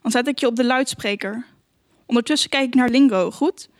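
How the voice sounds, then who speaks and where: A woman voicing a soft-spoken old grandma. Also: a little high, a little fast, dry recording, clean studio sound, lightly acted. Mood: soothing. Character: gentle elderly grandmother on the phone.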